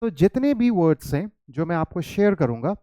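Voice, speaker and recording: A man's voice: high voice, sing-song, moderate pace, dark tone, no room sound. Indian guy teaching english, code-switching hindi, dry close sound. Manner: coaxing, questions to students, calls them "child". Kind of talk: online English lesson.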